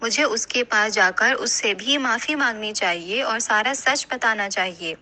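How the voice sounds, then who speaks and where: A woman narrating an animated moral story for children in a clear storytelling manner. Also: a little high, rough recording.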